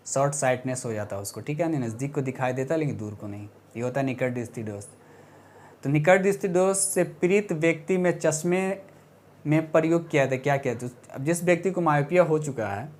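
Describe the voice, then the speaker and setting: A man walks through science quiz questions in a casual tutoring style. His voice sits a little high, and he keeps looping back with quick rhetorical questions and self-corrections. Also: a little mellow. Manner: repetitive, checks in often with rhetorical questions. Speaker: science teacher. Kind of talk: casual exam-prep lesson.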